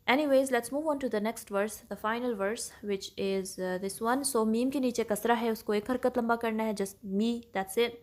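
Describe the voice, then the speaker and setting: Patient woman teaching recitation rules. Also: fairly high pitch. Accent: Pakistani Urdu. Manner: patient, explanatory, mixes English terms, checks in often with "okay?". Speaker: tajweed teacher. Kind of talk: step-by-step recitation lesson.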